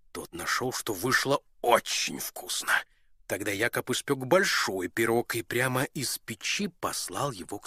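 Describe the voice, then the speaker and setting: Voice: medium pitch, no room sound, clean studio sound. A narrator reading a fairy tale aloud and voicing every character. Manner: expressive, plays every character. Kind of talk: storybook reading.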